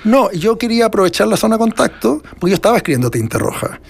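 A man's voice: sits high, very animated, quick pace, vocal fry, breathy edge. A middle-aged man with a Chilean accent, an author answering interview questions in a rambling, reflective way full of restarts. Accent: Chilean Spanish. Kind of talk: casual interview conversation.

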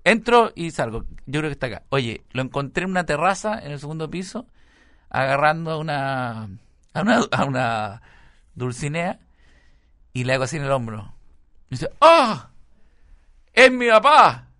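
A man's voice: mid-range voice, lively intonation, moderate pace, no echo, clean studio sound. Rambling Chilean man with slangy chatter. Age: middle-aged. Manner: slangy, rambling, acts out voices with loud bursts. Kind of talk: stand-up storytelling monologue.

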